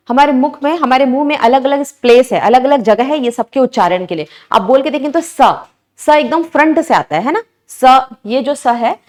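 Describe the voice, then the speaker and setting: A woman's voice: high-pitched, darkish tone. A woman teaching an exam-prep lesson, explaining each answer step by step and constantly asking her students questions.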